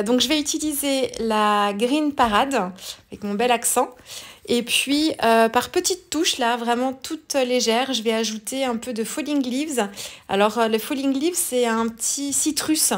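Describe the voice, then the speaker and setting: A woman hosting a craft tutorial in a casual voice-over, chatty and full of hesitations and small self-corrections. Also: on the high side. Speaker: scrapbooking tutorial host.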